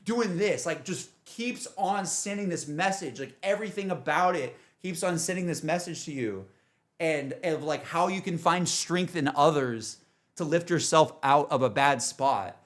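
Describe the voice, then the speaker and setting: A game streamer with a little high voice speaks unhurriedly during a casual livestream chat, reflecting emotionally on games. His manner is earnest and emphatic, and he rambles, often circling back on himself.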